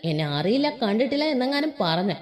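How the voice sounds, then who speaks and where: A woman's voice: fairly high pitch, very animated, a little fast. A woman voicing a feisty, melodramatic young woman who scolds and complains. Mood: indignant. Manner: indignant, wailing, melodramatic. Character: feisty dramatic young woman, hot-tempered.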